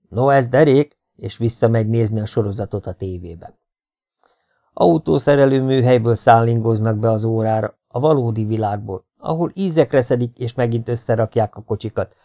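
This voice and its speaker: A man's voice: medium pitch, dark tone. A man reading an audiobook aloud in a wry, dry storytelling manner. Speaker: audiobook reader. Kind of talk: audiobook narration.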